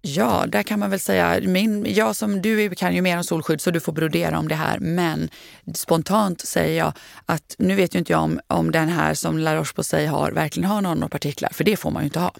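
A woman's voice: fairly low pitch, fairly even intonation, gravelly, no echo, clean studio sound. A woman co-hosting a casual podcast, talking through a medical topic with many fillers and restarts.

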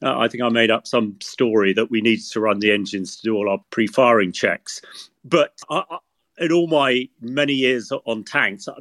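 A man's voice: mid-range voice, moderate pace, a bit bright, no echo. A middle-aged British man giving expert recollections in a podcast interview, speaking outdoors from a freezing rooftop. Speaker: guest military expert, former tank commander. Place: outdoors on a garage roof in snow.

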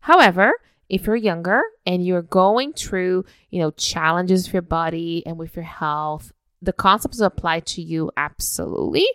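Brazilian-born woman chatting about her book, lowish smooth voice, dry sound, laughs a lot. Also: normal speed, no echo. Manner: warm, laughs often. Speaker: author. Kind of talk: casual talk.

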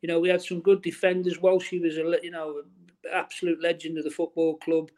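In a chatty interview looking back on the past, a middle-aged former footballer speaks fairly quickly with a flat delivery, a fairly high pitch and a darkish tone. He frequently restarts sentences and leans on "you know."

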